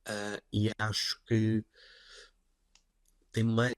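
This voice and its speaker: A man with a fairly low voice and a European Portuguese accent talks about writing, easygoing and a little self-mocking. He rambles comfortably with casual fillers. The sound is dry and close, with no room around it. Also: extremely slow, smooth, dry recording. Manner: relaxed, chatty, self-deprecating, with many fillers like "pá". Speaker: guest writer and writing teacher. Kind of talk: casual interview conversation.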